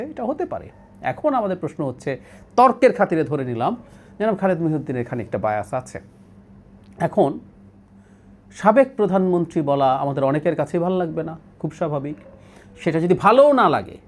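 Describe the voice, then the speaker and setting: Lively middle-aged man arguing politics. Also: a little high. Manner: argumentative, poses rhetorical questions. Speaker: political talk show host. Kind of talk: solo political commentary.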